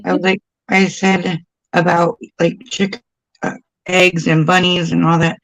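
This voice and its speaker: A woman's voice: fairly low pitch, level tone, a little slow, a bit bright, dry recording, low-quality recording. A woman in her forties chatting casually on a livestream, talkative and poking fun at herself. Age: 40s. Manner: talkative, self-deprecating.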